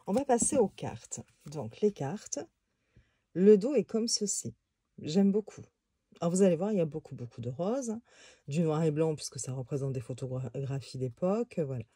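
A woman's voice: sits low, animated, moderate pace, warm tone, husky, no echo, studio quality. A woman casually reviewing a tarot deck on video, talking in a hesitant way with many fillers and restarts.

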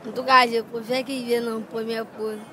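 A woman's voice: a little high, level tone, brisk. A young woman answering a street interview hesitantly, searching for words, into a handheld mic. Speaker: passer-by interviewee. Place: city street at night. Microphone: interviewer's handheld microphone. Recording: outdoor street noise.

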